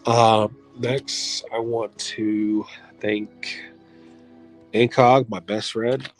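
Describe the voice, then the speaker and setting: A man's voice: lowish voice, little pitch movement, extremely slow, faint music behind. A man hosting his own online show, rambling through heartfelt thank-yous in a casual farewell video, with some swearing. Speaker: online league host signing off.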